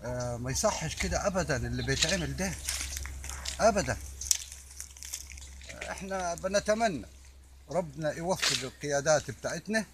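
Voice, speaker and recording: A man's voice: a little high, animated, normal speed, long pauses, noisy background. An older man with an Egyptian Arabic accent speaks off the cuff in an emphatic, repetitive way, stumbling over words as he addresses the public. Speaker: army veteran giving his opinion. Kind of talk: impromptu monologue addressed to the public.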